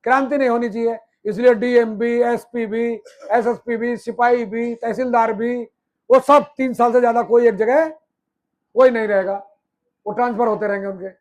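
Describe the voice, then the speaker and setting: Guy with a really high voice giving a political speech, asks questions and answers them, repeats stuff for emphasis. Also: fairly even intonation, normal speed, a little mellow, muffled recording. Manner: rhetorical questions answered himself; emphatic, repeats phrases in lists. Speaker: movement speaker.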